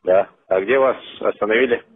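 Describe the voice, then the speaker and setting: A young man answering a police duty line as a trainee, terse and matter-of-fact, with a gravelly, husky voice. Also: fairly low pitch, brisk. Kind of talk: official phone call. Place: phone call. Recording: tinny, band-limited phone line.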